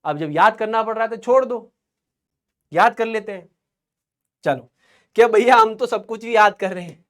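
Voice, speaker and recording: Young male online tutor, high voice, chatty and joking with his class. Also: moderate pace, fairly bright tone. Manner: playful, chatty, jokes with students between quiz polls. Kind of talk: live online chemistry class.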